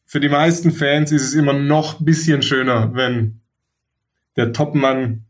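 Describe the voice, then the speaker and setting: A man discussing football club youth policy in a measured, reflective way, pausing often to find his words. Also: medium pitch, level tone. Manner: measured, reflective, frequent hesitations. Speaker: podcast co-host, football pundit. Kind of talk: casual discussion.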